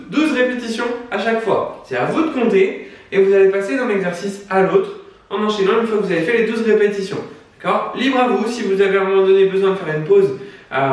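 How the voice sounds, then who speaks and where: A man coaching a home workout class, counting out moves and giving brisk instructions, out of breath. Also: sits high. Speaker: fitness coach. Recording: echoey room, far from the mic.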